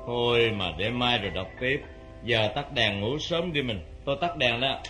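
An actor playing a hot-tempered young husband in a stage drama, bright-voiced and quick to shout. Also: male voice, mid-range voice, soft background music, lightly acted. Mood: casual.

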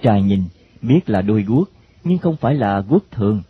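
A man narrating a story in a plain, steady reading. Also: fairly low pitch, moderate pace. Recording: dull lo-fi recording, faint hiss.

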